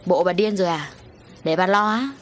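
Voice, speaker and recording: A woman voicing a harsh, quick-tempered middle-aged husband who barks curt orders. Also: lowish voice, a little hiss or hum, close to an everyday voice. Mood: gruff. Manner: curt, barking.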